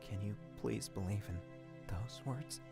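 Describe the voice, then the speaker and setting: A woman voicing a calm male guardian in a game, coaxing in a hushed, gentle way. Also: very deep voice, a little slow, vocal fry, pitched below the performer's own voice, full character voice. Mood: quiet pleading. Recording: loud music over the voice.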